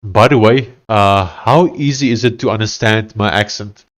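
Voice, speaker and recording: A South African software developer with a thick Afrikaans accent codes on a live stream, chatting casually with viewers and thinking aloud through many fillers and restarts. His voice sits on the low side, slightly bright, at a normal speed.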